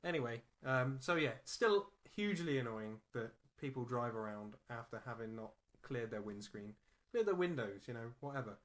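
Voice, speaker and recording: A man's voice: mid-range voice, animated, moderate pace, fairly bright tone. Chatty man airing gripes. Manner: chatty, laughs easily, airs petty gripes. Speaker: podcast co-host. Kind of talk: casual chat.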